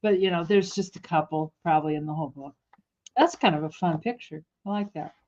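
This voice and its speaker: A woman's voice: low voice, a little fast, a little mellow, highs cut off, slight background noise. A woman running a casual live online auction, chatting in a rambling way and correcting herself as she goes. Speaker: livestream auction seller. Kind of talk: casual live-sale chat.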